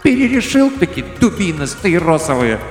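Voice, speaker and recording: A man's voice: very animated, normal speed. A man voicing a weary, grumbling female spirit of parting in a radio story reading. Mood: complaining. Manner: complaining, high and loud. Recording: echoey room with faint music.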